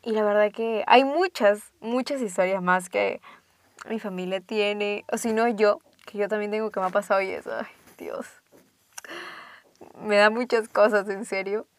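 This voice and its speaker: A young woman tells a ghost story in a casual, chatty way. Her voice sits at a medium pitch, and she keeps it lively, then sinks into hushed tones to build suspense. The recording is dry and close, with no room sound. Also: moderate pace, dry recording.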